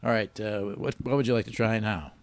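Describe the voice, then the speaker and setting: Gravelly-voiced wisecracking man hosting a quiz. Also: lowish voice, steady tone, brisk, a crowd in the background. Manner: wisecracking, teasing. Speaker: quiz show host. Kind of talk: joking quiz banter.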